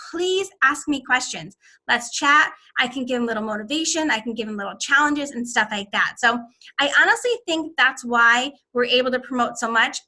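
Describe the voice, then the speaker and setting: Bright, high-voiced woman giving sales advice. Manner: animated, acts out excited quoted voices. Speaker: direct sales team leader. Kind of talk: casual advice talk.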